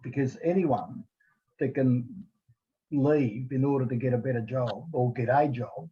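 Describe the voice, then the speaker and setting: A man's voice: mid-range voice, lo-fi sound. A man interviewing a guest over a video call, often restarting his sentences and stammering before his questions. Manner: halting, many restarts and stammered starts.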